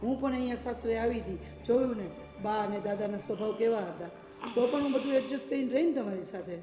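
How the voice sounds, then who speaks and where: A coaxing middle-aged mother, played by a woman, talks in a mid-range voice. The room is echoey with a long reverb, and clear music plays beneath her. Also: fairly high pitch, fast, close to an everyday voice. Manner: soothing, coaxing advice. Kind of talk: short-film family drama acting. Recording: echoey hall with loud music.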